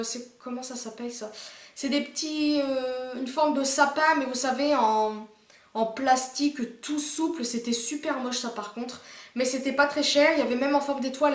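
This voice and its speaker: Chatty high-voiced young woman vlogger. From France. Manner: chatty, rambling with many fillers and restarts. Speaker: beauty vlogger. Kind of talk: casual haul video chat. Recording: echoey room.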